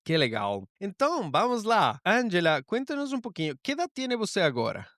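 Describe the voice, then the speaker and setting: Male travel podcast host, high-pitched, lively, code-switching, dry recording. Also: fairly quick, no echo. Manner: lively, mixing Spanish and Portuguese.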